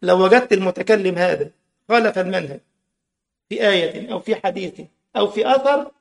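A man's voice: high-pitched, brisk, vocal fry. A man with an Egyptian Arabic accent preaching a sermon, impassioned, full of rhetorical questions and mocking asides.

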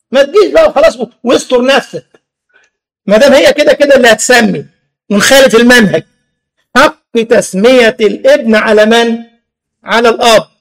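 A man's voice: extremely high pitch, creaky. A man from Egypt with an Egyptian Arabic accent, preaching a religious lesson with humorous stories and many rhetorical questions. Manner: animated, rhetorical questions, laughs at own stories.

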